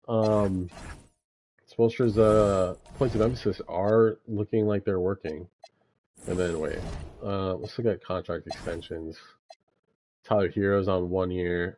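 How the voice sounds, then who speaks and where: A man's voice: lowish voice, dark tone, slight background noise. A young man giving laid-back gameplay commentary, thinking aloud with frequent fillers as he manages a basketball franchise. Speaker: gaming YouTuber.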